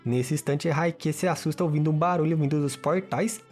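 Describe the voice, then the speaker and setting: A man's voice: on the high side, brisk, darkish tone, soft background music. A man giving a casual, colloquial retelling of a manhua story. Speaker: recap narrator. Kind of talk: casual story recap narration.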